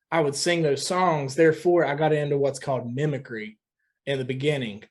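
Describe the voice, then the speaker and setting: A man's voice: on the high side, darkish tone. A young man from West Virginia, a guest musician talking loosely in a casual podcast chat, often saying dude.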